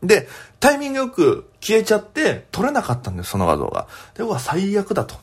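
A young man, a comedian, telling a story alone on his podcast in a chatty, animated way. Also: high-pitched, quick pace, husky.

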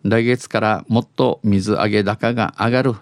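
On a dialect news segment, a man with an Okinawan accent reads the news phrase by phrase, switching between standard Japanese and Okinawan dialect and often restating lines. His voice is on the low side, steady and at normal speed, with no room sound.

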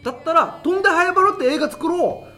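A man's voice: very high voice, fast talker, pushed and bright. A man hosting a local radio show, telling stories in a chatty way, laughing as he talks and using lots of fillers, recorded live in front of an audience. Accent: Okinawan. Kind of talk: casual solo radio talk. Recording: live recording with music behind.

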